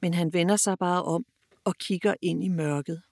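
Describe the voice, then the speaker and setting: A woman narrating a children's audiobook in a clear, expressive storytelling manner. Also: lowish voice, no echo, studio quality.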